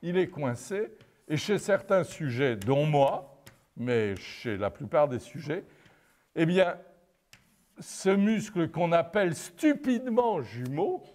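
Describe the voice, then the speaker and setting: An older man lecturing on anatomy while he draws at the board. He talks slowly and unhurriedly, wandering off into wry asides. His pitch rises and falls widely, and he keeps checking in with his listeners. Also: big pitch swings. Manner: digressive and wry, peppered with "n'est-ce pas". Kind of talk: live art-anatomy lecture at a chalkboard.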